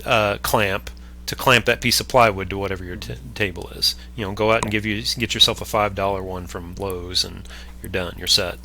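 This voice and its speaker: A man's voice: on the low side, steady tone, a little fast, gravelly, bright, forceful tone, a little hiss or hum. A man hosting a casual video-call conversation, thinking aloud in long winding sentences. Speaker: channel host. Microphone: webcam on a mic arm at home.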